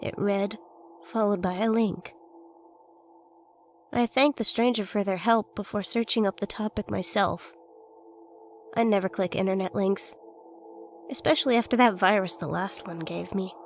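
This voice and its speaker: Female horror narrator, scripted first-person tale, mid-pitched, slight background noise. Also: moderate pace, pauses often. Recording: faint noise and ambience behind voice.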